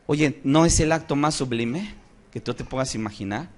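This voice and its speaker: A man preaching a Bible-study sermon. He is impassioned, swings from soft to loud, and asks rhetorical questions. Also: mid-range voice, normal speed.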